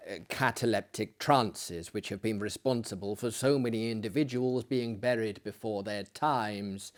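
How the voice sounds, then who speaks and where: A man with a mid-range voice performs dramatic readings in a hammy, florid, self-deprecating storyteller's style that swells and hushes.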